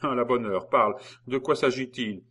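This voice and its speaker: A man's voice: medium pitch, moderate pace, fairly bright tone, slightly rough. A man reading as a cold, curt prosecutor. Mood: doubting. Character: cold, calm male public prosecutor, dry and doubting.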